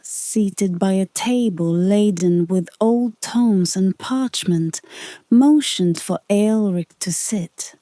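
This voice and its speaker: A woman narrating a scripted bedtime story in a calm, gentle, soothing manner, close to the microphone. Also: mid-range voice, no echo. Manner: slow, calm, gentle delivery.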